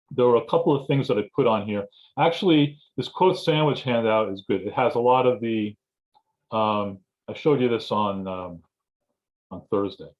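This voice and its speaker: A man lecturing informally to students as a writing instructor on a video call, halting and often restarting his phrases. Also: medium pitch. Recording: dull, muffled lo-fi audio.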